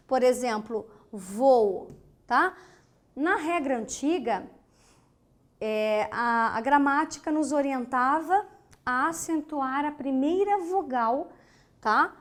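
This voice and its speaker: A woman from Brazil teaching an online grammar lesson, speaking emphatically, asking questions and answering them herself, and spelling words out syllable by syllable. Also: high-pitched. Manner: slow, emphatic, asks and answers her own questions.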